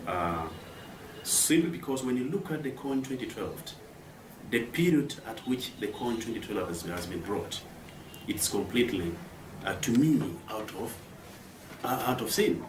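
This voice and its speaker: A Ugandan man from northern Uganda, a student leader, giving measured interview answers with many pauses. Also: mid-range voice, expressive. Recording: roomy, distant mic, noisy outdoor ambience.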